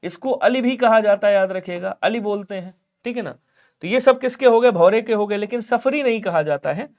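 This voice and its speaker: A man with a notably high voice runs an exam-prep grammar lesson. He drills each word by repeating it and keeps telling his students to remember it. He poses questions to the class and answers them in the same breath. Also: normal speed, darkish tone. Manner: addresses students directly, asks and answers his own questions. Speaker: teacher.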